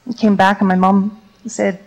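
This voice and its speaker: On a lecture stage, a Canadian teacher whose first language is Ukrainian answers audience questions in a reflective, storytelling way, using lots of fillers. Her mid-range voice is somewhat dark, with a level tone and normal speed.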